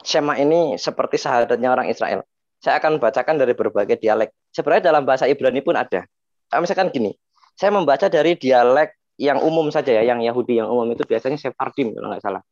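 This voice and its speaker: A man explaining scripture dialects in a panel talk, slowly chanting verses between points. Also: medium pitch, a little mellow, dry recording. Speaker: religious teacher explaining dialects. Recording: dull, dry lo-fi sound.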